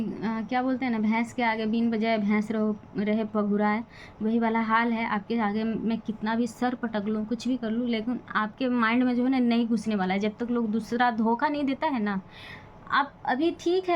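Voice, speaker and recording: A woman's voice: on the high side, lo-fi sound, a little hiss or hum. A young woman talking in a casual vlog, venting with bitter, defiant frustration about her family. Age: young adult. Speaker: vlogger. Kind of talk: casual personal vlog talk.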